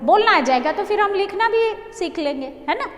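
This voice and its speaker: A teacher drilling Hindi syllables for young children in a reassuring, sing-song way, speaking with an Indian accent. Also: female voice, extremely high pitch, animated, fairly quick. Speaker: primary school teacher. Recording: echoey room with long reverb.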